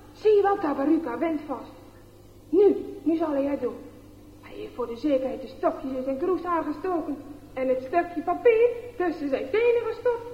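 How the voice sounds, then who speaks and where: Woman, storyteller, children's story, animated, dull lo-fi sound, long hall reverb. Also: sits high, a little hiss or hum. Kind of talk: reading a children's story aloud. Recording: echoey, dull lo-fi room recording.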